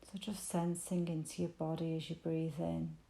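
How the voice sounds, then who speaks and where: Gently and soothingly, a woman with a low, mellow, creaky voice leads a guided body scan meditation. She keeps her delivery very even and inviting, leaving unhurried pauses between phrases, and the sound is roomy.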